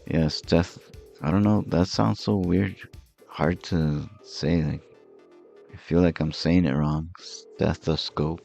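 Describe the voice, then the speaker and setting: A man's voice: low-pitched, steady tone, slow, creaky, mellow, muffled recording, soft background music. A man streamer chatting casually and rambling while he draws and plays games, chuckling often. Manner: rambling and easygoing, with frequent chuckles.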